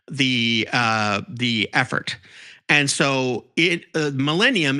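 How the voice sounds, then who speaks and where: Bright-voiced man rambling about comics. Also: mid-range voice, clean tone. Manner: rambling, animated, lots of fillers and restarts. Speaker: podcast co-host. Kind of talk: casual chat about comics.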